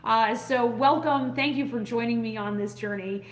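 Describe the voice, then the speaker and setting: A woman's voice: fairly high pitch, moderate pace. A woman in her forties talking casually to the camera as a food safety consultant, chatty and enthusiastic, rambling with fillers and restarts. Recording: roomy echo.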